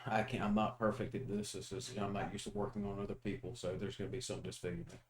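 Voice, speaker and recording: Laid-back low-voiced man playing a tabletop game. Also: little pitch movement. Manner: halting, laughs often, many fillers. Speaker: player.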